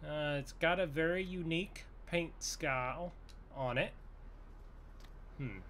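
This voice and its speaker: A gaming host with a voice on the high side takes things slowly as he thinks aloud in folksy, casual roleplay commentary. Loud engine noise from the game's truck runs behind him.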